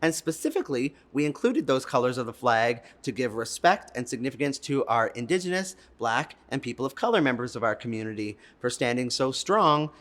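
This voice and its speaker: Speaking at a medium pitch, fairly quickly and with few pauses, this storytime co-host addresses young children directly, reading and explaining with lots of expression and drawn-out words for emphasis.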